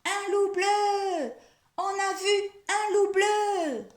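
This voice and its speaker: A woman's voice: very animated, drawn-out words, roomy sound, exaggerated voice. A woman doing a squealing prankster mouse. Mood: gleeful. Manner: shrill, shouting, giggling. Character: mischievous little gray mouse, giggly prankster.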